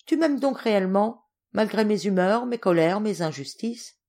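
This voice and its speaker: A woman's voice: expressive, moderate pace, a little mellow. A woman reading aloud, voicing an old, irascible but tender-hearted Russian general who turns thunderous when angry. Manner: emphatic, booming when angry.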